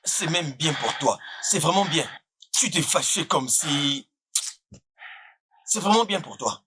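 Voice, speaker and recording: An actor dubbing a male friend who keeps pleading for calm and then scolds, in a dubbed film. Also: fairly high pitch, slow, husky, exaggerated voice. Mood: scolding. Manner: soothing, pleading. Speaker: brother's friend.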